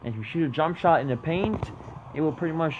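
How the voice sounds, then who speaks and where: A young man giving excited commentary over a mobile basketball game he plays, often bursting out at big plays. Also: a little high, quick pace. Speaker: gaming YouTuber. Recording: tinny lo-fi mic with faint noise.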